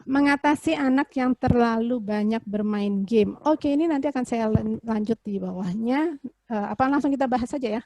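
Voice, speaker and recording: A woman's voice: fairly high pitch, normal speed, dark tone, no room sound. A woman, a psychologist giving a casual webinar talk to parents, explaining with everyday examples and rhetorical questions over a video call. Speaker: child psychologist presenter.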